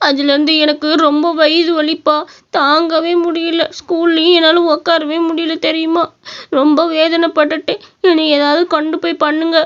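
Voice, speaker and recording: A woman's voice: very high voice, level tone, moderate pace. A woman voicing a crying little boy. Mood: tearful. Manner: tearful, whimpering. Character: young boy in pain, crying. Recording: dull lo-fi cartoon audio.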